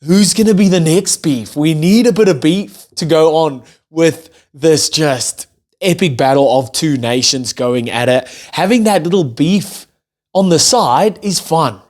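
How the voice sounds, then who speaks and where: A man's voice: on the high side, unhurried, darkish tone. A young man from South Africa with a South African accent carrying an Australian twang, hosting an enthusiastic, chatty rugby video and hyping up a match to his viewers. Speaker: rugby YouTube host. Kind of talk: casual hyped-up commentary to camera.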